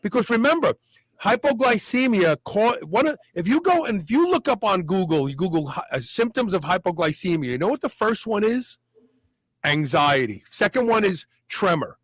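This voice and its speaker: A man's voice: high-pitched, normal speed, no echo, low-quality recording. A man hosting a health talk show, talking casually and acting out the voices in people's heads as he explains. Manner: animated, acts out inner voices. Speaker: podcast host.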